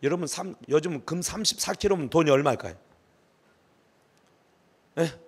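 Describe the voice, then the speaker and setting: A middle-aged male pastor preaching a sermon, emphatic, swinging from hushed asides to shouted pleading. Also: on the high side, normal speed, husky.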